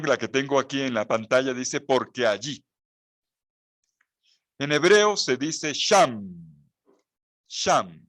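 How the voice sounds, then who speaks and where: Male priest lecturing on a psalm; unhurried, emphatic, mid-range voice. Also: medium pitch, a bit bright. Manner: slow, emphatic teaching with repeated phrases and questions. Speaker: priest teaching a Bible course. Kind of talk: Bible lecture. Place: house with a mountain view.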